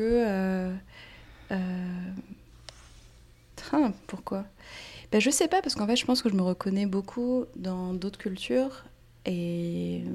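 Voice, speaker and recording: As an interview guest in a casual setting, a young woman from France, a native speaker of both Portuguese and French, reflects aloud with frequent fillers and restarts. Her voice is mid-range and a little mellow.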